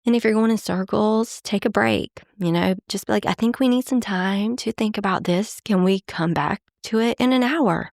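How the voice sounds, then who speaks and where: A woman talks through advice in a relaxed, conversational way, her voice carrying a gravelly edge. She slips into short example lines as she goes. The recording is dry and close. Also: medium pitch, moderate pace, few pauses, no room sound. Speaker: podcast host. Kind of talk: casual advice talk.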